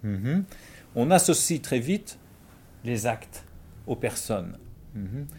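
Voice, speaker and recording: Belgian man, mid-pitched, measured teaching tone, plain everyday examples. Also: sing-song, mellow, slightly rough. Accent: Belgian French. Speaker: Bible discussion speaker. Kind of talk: conversational Bible teaching.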